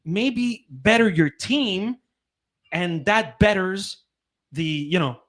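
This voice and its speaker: A man co-hosting a podcast in casual chat, animated and swearing, repeating himself for emphasis. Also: high voice, takes it slowly. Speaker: podcast co-host.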